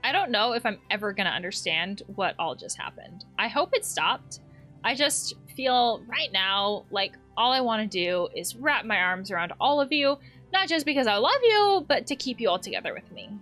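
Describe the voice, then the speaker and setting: A woman who works as a counselor, playing a video game and chatting reflectively as she reads the game text aloud with soft laughs. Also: a little high, very animated, normal speed, soft background music. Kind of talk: let's play commentary.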